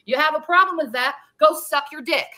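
Her pitch sits high and her tone is pushed and bright as she talks slightly fast. This played livestream clip shows her furious and swearing, addressing her critics straight on.

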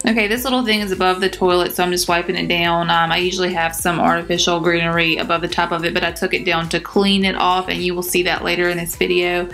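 Young woman, vlogger voice-over: relaxed, chatty, lower and bright, fairly flat pitch. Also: fast talker, few pauses. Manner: chatty, relaxed, with frequent ums. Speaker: cleaning vlogger. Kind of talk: casual voice-over narration. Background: soft pop music.

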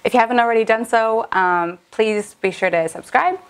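A woman's voice: a little high, moderate pace, slight background noise. A young woman vlogging in a casual, upbeat way as she reviews a language app, chatty and full of little fillers.

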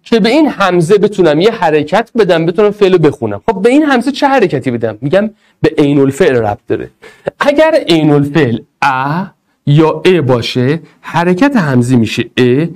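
A man teaching Arabic grammar in an energetic, playful way, speaking straight to his students. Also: a little high. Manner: animated, playful, addresses students directly. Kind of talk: energetic online lesson.

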